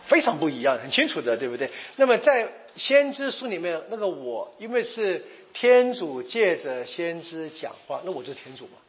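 A man's voice: on the high side, sing-song, normal speed, hardly any pauses, highs cut off. A man giving a Bible study lecture, explaining verses and often asking his listeners questions. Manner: explanatory, asks the audience questions.

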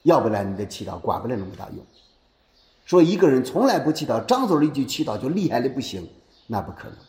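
A man preaches in a church, and his voice rises and falls with plenty of expression as he puts questions to his listeners. The sound rings around an echoey room. He reads scripture aloud and then explains it in a warm sermon cadence. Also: mid-range voice, fast. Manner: lively preaching with rhetorical questions.

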